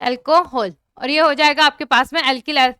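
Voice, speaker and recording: A young woman teaches a chemistry lesson online in a very high, bright voice. She keeps checking that her students are following along and asks them to comment. The sound is close and dry. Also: flat delivery, fast, dry recording.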